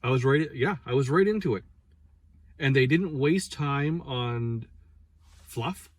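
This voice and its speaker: A man's voice: medium pitch, lively intonation, slow pace, no room sound. A man co-hosting a casual movie review chat with playful, bantering talk. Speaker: podcast co-host.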